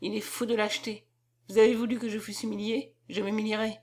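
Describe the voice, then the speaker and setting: A young, innocent countess who speaks softly, as a woman reads her. She pleads with her husband, then turns quietly cold. The voice sits a little high. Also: fairly quick. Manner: soft, pleading.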